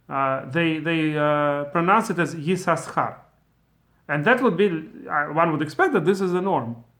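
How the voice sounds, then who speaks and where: Guy w/ as teaching a torah lesson, kinda high voice, lots of uhs and restarts. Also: a bit bright. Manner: explains patiently with many fillers and restarts. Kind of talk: casual spoken lesson.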